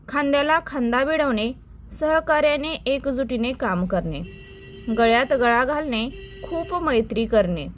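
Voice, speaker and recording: Female tutor, slow measured dictation of idioms and meanings, voice a bit high. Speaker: teacher. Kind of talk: reciting Marathi idioms for exam prep.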